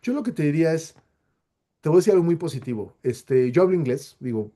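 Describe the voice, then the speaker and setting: Mellow-voiced man explaining on a webinar. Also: a little high, animated, brisk. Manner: explanatory, with frequent rhetorical questions and fillers. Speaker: webinar guest speaker. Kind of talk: answering audience questions in a webinar.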